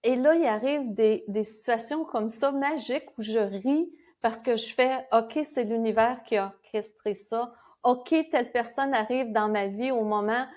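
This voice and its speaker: A woman with a Québécois French accent, a podcast guest telling lively stories and explaining her ideas, laughing now and then. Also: fairly high pitch, measured pace. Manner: animated storyteller, laughs while explaining. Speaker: guest, founder of a spiritual school. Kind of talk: conversational podcast interview.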